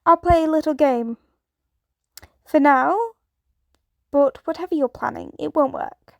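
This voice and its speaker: A smug, scheming older villain who talks with smooth menace, as a woman reads him out. The voice sits high and close, with a dry, plain sound. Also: a little slow, darkish tone, no echo. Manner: suspicious, smoothly threatening.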